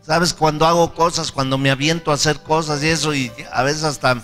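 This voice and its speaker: A man's voice: fairly high pitch, fairly even intonation, brisk, fairly bright tone, long reverb tail, faint music behind. A male pastor preaching a sermon with fervor. He repeats key phrases and leads the congregation in prayer.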